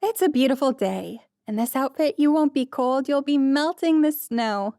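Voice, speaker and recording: A woman's voice: high voice, expressive, moderate pace, dark tone, no room sound, clean studio sound, pitched above the performer's own voice. A woman voicing a pushy ski shop saleswoman who talks in a sing-song voice, in an audiobook. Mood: cheery.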